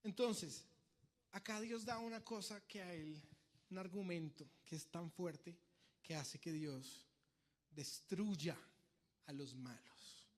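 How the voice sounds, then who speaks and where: A young male preacher with a notably high voice delivers a sermon in a church. He tells homely stories with lively energy, acting out cries and pleas as he goes. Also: takes it slowly. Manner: lively storytelling, acts out shouts and pleas.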